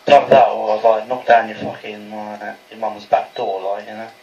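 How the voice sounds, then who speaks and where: A man's voice: fairly low pitch, flat delivery, normal speed. A man trading crude slangy banter in casual game chat, on a dull, distant mic. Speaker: gamer in party chat. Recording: dull distant mic under loud crowd noise.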